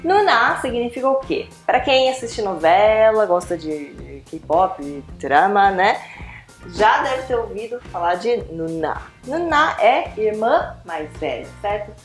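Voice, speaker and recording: A woman's voice: mid-range voice, big pitch swings, slow pace, faint music behind. A woman teaching a beginner Korean lesson online, patient and coaxing, checking in with questions constantly. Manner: patient, coaxing, asks questions with frequent tag words.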